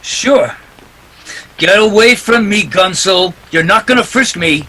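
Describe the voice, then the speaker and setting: An actor playing a tough, wisecracking private detective in a 1940s radio drama, clipped and defiant. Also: male voice, high-pitched, expressive, slow, sharp tone, heavily acted, rough recording. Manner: hard-boiled, clipped, defiant. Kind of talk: 1940s radio drama acting with first-person narration.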